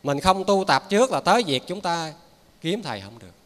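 A man's voice: fairly high pitch, big pitch swings, a little fast, fairly bright tone. A man with a Southern Vietnamese accent giving a Buddhist dharma talk as a lay preacher, in a folksy, conversational way with frequent asides to his listeners. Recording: reverberant hall.

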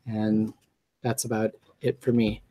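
A man hosting a meetup. His voice is high and nasal, and he talks in a chatty, joking way, restarting his sentences and filling pauses with ums. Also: flat delivery, warm tone, husky. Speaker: meetup host. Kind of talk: casual talk to a group.

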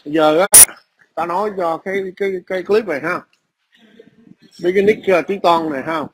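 A man's voice: high voice, steady tone, brisk, very noisy. A man, ranting aggressively and profanely into a phone camera at his workplace. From Vietnam. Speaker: vlogger. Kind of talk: angry ranting video message.

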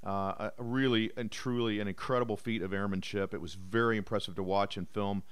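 Smooth-voiced man narrating flight footage. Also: on the low side, fairly even intonation, fairly quick. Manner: easygoing, explanatory, frequent "uh" fillers. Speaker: bomber pilot narrating his flight footage. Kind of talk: voice-over commentary.

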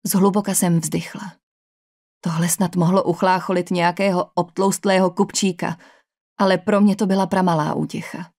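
A woman with a Czech accent reading a first-person novel aloud as an audiobook narrator, in an even, measured storytelling manner. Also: fairly low pitch.

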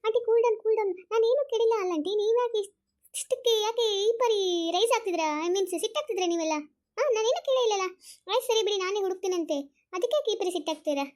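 A woman's voice: extremely high pitch, animated, very fast, pitched above the performer's own voice. A woman voicing a young daughter-in-law who protests and mixes English words into her talk. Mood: defensive. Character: young daughter-in-law, city-styled, defensive.

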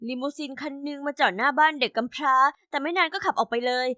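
A woman narrating an animated first-person story in a lively, scripted storybook manner. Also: high-pitched, fast talker, dry recording, studio quality.

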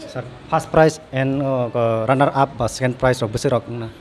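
A young man with a Kokborok accent reporting and asking brisk questions into a handheld mic in an open pavilion. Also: medium pitch, a little hiss or hum. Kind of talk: field interview. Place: open pavilion beside a sports ground.

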